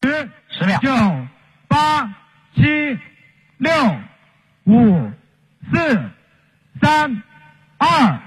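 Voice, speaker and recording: Launch announcer, man, clipped call-outs over a breaking-up radio relay; high, swinging voice, slow and spaced calls. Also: sing-song, no room sound. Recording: distant, noisy loudspeaker feed.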